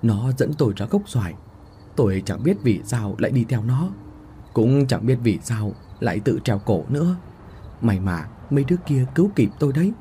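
A man's voice: mid-range voice, very animated, normal speed, mellow, slight background noise, close to an everyday voice. A man voicing a cruel, bad-tempered old village strongman in a spoken horror story, barking insults. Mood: shaken. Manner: barking and abusive.

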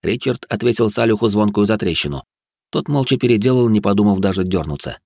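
A man narrating an audiobook in an even storytelling manner. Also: fairly low pitch, fast talker, gravelly, no echo, studio quality. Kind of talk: scripted narration.

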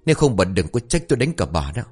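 A man doing a furious, shouting storybook father. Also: fairly low pitch, big pitch swings, quick pace, breathy edge, soft background music. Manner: harsh shouting scolding. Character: stern angry middle-aged father.

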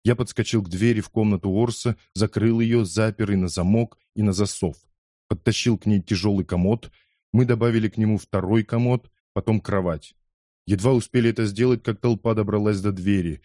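Brief: male audiobook narrator, low, dark mellow tone, measured. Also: steady tone, dry recording, clean studio sound. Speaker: audiobook reader. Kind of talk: scripted first-person narration.

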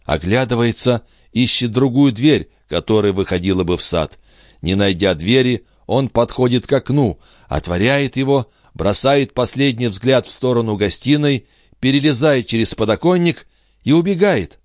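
A man's voice: animated, normal speed, dry recording, clean studio sound, natural voice. A man voicing a frantic entranced mother who cries out what she sees, in an audiobook. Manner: shrill, breathless, crying out. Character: frantic entranced mother, a woman seeing visions. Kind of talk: audiobook dialogue acting.

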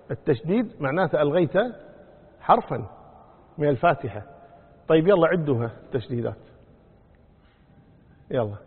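A sheikh teaches a religious lesson in a husky, fairly high voice, repeating his points and checking that his listeners follow. The sound is thin and phone-like, with a long hall reverb trailing each phrase. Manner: explains patiently, repeats key points, quizzes listeners. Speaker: sheikh answering religious questions. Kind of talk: religious lesson and fatwa answers. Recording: tinny lo-fi recording in a reverberant hall.

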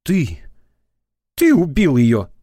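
A man's voice: fairly high pitch, a little slow, a little mellow, dry recording, studio quality, pitched above the performer's own voice. A man voicing a furious, hysterical young woman who shrieks accusations and verges on tears.

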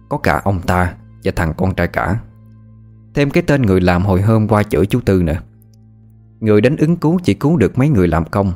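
Male ghost story narrator, deep voice, over faint music. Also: darkish tone.

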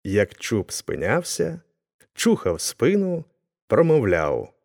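A man narrating a classic tale as an audiobook, with expressive storytelling. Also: mid-range voice, takes it slowly, gravelly.

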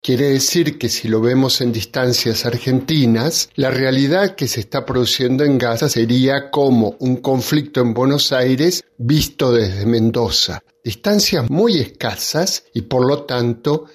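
A man explains world affairs as an international analyst in a steady, informative tone. His voice sits at an ordinary middle pitch. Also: a little slow, hardly any pauses. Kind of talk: radio commentary.

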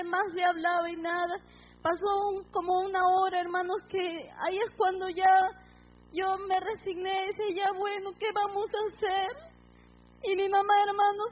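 A woman giving a fervent, tearful church testimony, calling out praises as she speaks. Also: extremely high pitch. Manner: tearful, fervent, calls out hallelujahs. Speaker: testimony giver. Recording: muffled lo-fi recording with faint hum.

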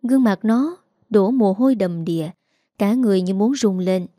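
A woman with a Southern Vietnamese accent calmly narrating a story. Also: medium pitch, no room sound, studio quality. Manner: calm, measured storytelling. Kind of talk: scripted narration.

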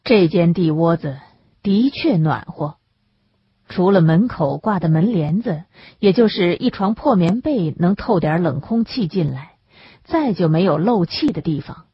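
A woman narrating an audiobook in a measured, even storytelling manner, recorded close on the mic. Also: lowish voice, slightly rough, no echo. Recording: dull lo-fi recording.

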